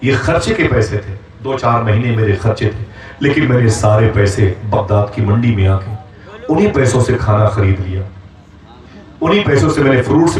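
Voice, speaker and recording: A man's voice: medium pitch, a little mellow. A man preaching a sermon in style, telling a story dramatically and acting out its characters with rising, impassioned delivery. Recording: echoey hall, speaker far from mic.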